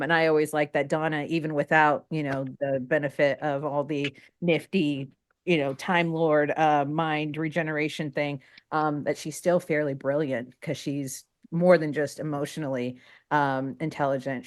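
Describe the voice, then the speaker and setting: A woman's voice: deep voice, level tone, moderate pace. A woman chatting casually as a livestream guest, thinking aloud with frequent fillers. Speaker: podcast guest.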